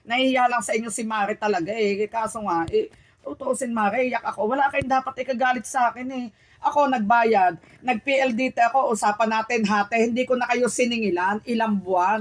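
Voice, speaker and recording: A woman shopkeeper in casual chat, venting aggrieved complaints to a friend. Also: fairly high pitch.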